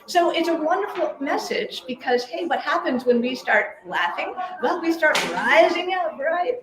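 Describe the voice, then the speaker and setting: A bubbly woman leading a live laughter meditation session, often laughing as she talks to the group. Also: high-pitched. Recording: echoey room with a live crowd.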